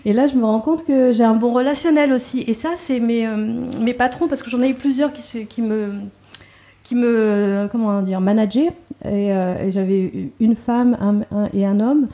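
Laughing woman with a mellow voice. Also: fairly high pitch, normal speed. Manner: animated storyteller, laughs often, many fillers and restarts. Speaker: guest. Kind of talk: conversational interview.

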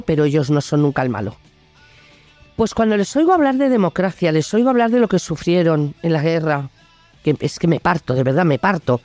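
A woman from Spain with a Spanish accent hosts a political opinion video show, delivering a blunt, indignant, colloquial monologue. Her voice is lowish and mellow, recorded with no room sound.

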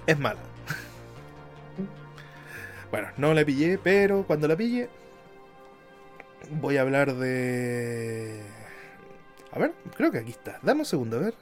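A man from Chile with a Chilean Spanish accent, hosting a casual podcast chat, laughing often and trailing off mid-sentence. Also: medium pitch. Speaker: podcast host.

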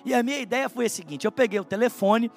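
High-voiced gravelly Brazilian preacher. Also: male voice, fast, faint music behind. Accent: Brazilian Portuguese. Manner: earnest, heartfelt storytelling, speaks straight to the listener. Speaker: pastor. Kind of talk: sermon with personal testimony.

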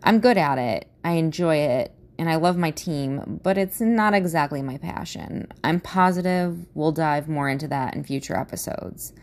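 A woman of thirty with a low voice and plenty of vocal fry. She has a Midwestern American accent and talks like a valley girl. She hosts a casual solo podcast, speaking naturally into a phone. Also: moderate pace, few pauses, darkish tone. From Midwestern US, suburbs of Chicago. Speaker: podcast host.

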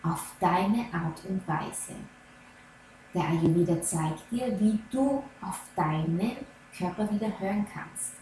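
Slow gentle woman coaching on ayurveda, earnest, talks right at you, really echoey room. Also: medium pitch, a little hiss or hum. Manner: gentle, earnest, addresses listener directly. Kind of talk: slow advice talk to viewer. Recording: very echoey room, faint ambience.

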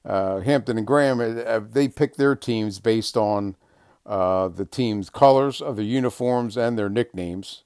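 An older man with a lowish, smooth voice hosts his sports podcast, rambling easily from topic to topic with plenty of "uh" fillers. The sound is dry and close, with no room echo. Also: a little slow. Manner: relaxed, rambling, frequent uh fillers. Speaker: podcast host. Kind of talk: casual sports podcast monologue.

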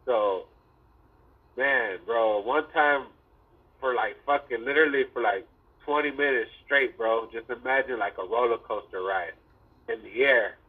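A man's voice: medium pitch, a little slow, husky. A man chatting casually like a frat bro, in loose slang with heavy swearing. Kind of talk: casual chat. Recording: tinny, narrow phone-like sound.

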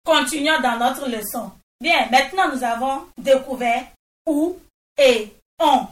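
Woman teacher, real slow patient delivery, echoey room, mic kinda far off. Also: high voice. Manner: patient, repeats each answer back and praises. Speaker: primary school teacher. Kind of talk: slow, deliberate classroom instruction. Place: classroom with pupils.

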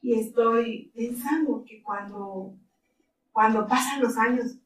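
A woman's voice: a little high, slow, a little hiss or hum. A middle-aged woman in ministry tells stories animatedly and laughs easily. She sits some way from the microphone. The room is echoey, with faint ambience underneath. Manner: animated storytelling, laughs often. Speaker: ministry leader. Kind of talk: interview conversation. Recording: roomy, distant mic, faint ambience.

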